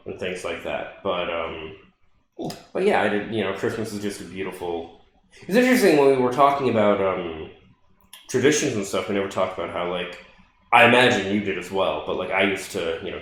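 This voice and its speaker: Low-voiced rambling podcast man, echoey room. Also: fairly bright tone. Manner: rambling, many fillers and restarts, swears casually. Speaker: podcast co-host. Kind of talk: casual chat.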